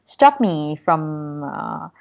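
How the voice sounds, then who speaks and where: A woman's voice: low voice, big pitch swings, very slow, creaky, dull audio. A woman in casual, opinionated conversation, speaking informally and emphatically and often repeating herself.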